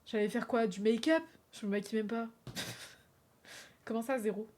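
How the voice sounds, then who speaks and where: A woman's voice: a little high, steady tone, unhurried, a little mellow. A woman streamer chatting playfully with her viewers while drawing in a game, often exclaiming aloud.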